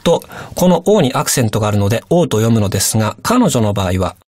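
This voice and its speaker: On a radio language lesson, a male teacher explains things patiently and politely, his pitch moving in a lively, animated way. He talks fast, and the recording is dry and close.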